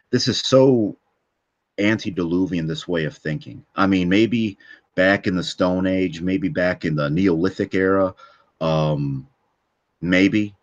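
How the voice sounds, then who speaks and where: A man with a very low voice delivers a long, rambling rant, swearing freely and stumbling through fillers and restarts. He keeps punctuating his points with a challenging "okay?". The audio is dull and lo-fi. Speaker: channel host. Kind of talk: ranting monologue. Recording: dull lo-fi recording.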